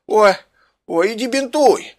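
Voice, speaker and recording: A man playing a clumsy, injured young man in an improvised game role-play, groaning and complaining, with quick comebacks. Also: high voice, animated. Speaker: Minecraft role-play player.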